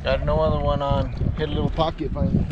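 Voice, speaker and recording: A man with a fairly high voice chats casually to his viewers as he fishes from a small boat out on a lake. Loud wind pounds the mic of a mounted action camera, and the sound is dull and lo-fi. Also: quick pace. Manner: relaxed, talks to viewers between casts. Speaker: fishing vlogger. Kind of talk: casual commentary while fishing. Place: outdoors on a lake in a kick boat, windy. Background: wind and water.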